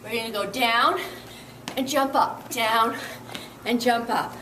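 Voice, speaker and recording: A woman's voice: on the high side, takes it slowly, bright, forceful tone, roomy sound, far from the mic, slight background noise, low-quality recording. A young woman leading a workout as fitness instructor, upbeat and encouraging, counting reps and a little out of breath.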